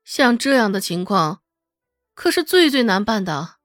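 Woman narrator, audiobook storytelling, expressive, dramatic, very lively pitch, dry close mic. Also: unhurried, no echo, faint music behind.

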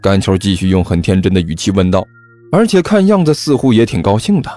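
A man narrating a comic story with an expressive reading. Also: fairly low pitch, a little fast, no room sound, soft background music.

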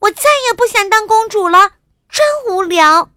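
A woman voicing a stubborn, excited little princess, shrill and loud in a children's storybook. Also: unhurried, no room sound, clean studio sound. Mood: defiant. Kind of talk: storybook character voice.

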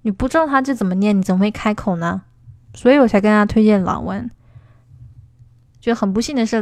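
A woman teaching on a livestream in a chatty, emphatic way, answering viewer questions as she goes. Her voice sits at a middle pitch. The sound is dry and close, with no room in it. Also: no room sound. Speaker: English speaking teacher.

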